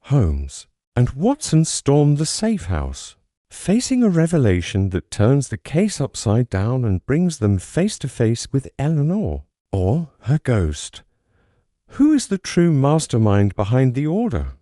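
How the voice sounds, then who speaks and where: Male storyteller, slow and dramatic, mellow tone, dry close sound. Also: medium pitch, wildly swooping pitch, dry recording. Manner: dramatic, suspenseful reading. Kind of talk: scripted story narration.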